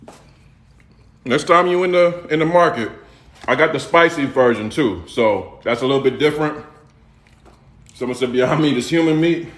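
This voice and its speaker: A man's voice: fairly high pitch, moderate pace, long pauses, fairly bright tone, echoey room. A middle-aged man with a Houston accent, hosting a casual cooking livestream and talking straight to his viewers in a laid-back way, repeating phrases as he goes. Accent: Houston, Texas. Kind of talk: casual live-stream chat. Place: home kitchen.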